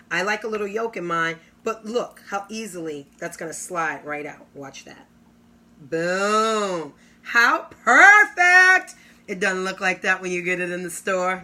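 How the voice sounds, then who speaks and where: A woman's voice: fairly low pitch, pushed and bright, a little hiss or hum. A woman giving an enthusiastic, salesy kitchen product demonstration, drawing out her exclamations. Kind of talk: live kitchen product demo.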